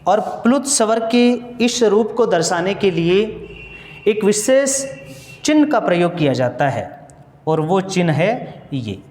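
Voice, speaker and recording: A man's voice: high-pitched, big pitch swings, a little slow, darkish tone. A male teacher giving a grammar lesson for exam students, explaining step by step, asking questions and answering them himself, and repeating key points. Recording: echoey room with long reverb.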